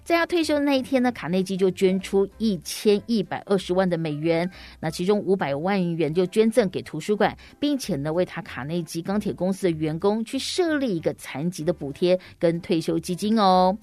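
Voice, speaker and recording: Lower-pitched woman telling a story to children. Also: animated, dark tone. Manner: teacherly, addressing little listeners, frequent drawn-out sentence particles. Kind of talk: explanatory storytelling to young children.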